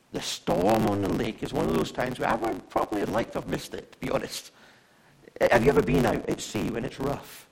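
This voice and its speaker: A man preaches in an easy, conversational way, often turning to ask his listeners questions. His voice is strongly gravelly and swings widely up and down in pitch, sitting at an average height. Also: low-quality recording. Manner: chatty, asks the audience questions. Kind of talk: conversational sermon.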